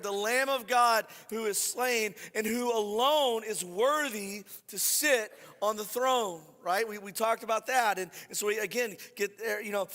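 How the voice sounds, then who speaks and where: A pastor gives a conversational sermon to his congregation in a church hall, informal in style, repeating phrases and checking in with listeners. His high voice is pushed and bright, yet slightly scratchy and hoarse from voice loss. The recording carries the reverberant sound of the hall.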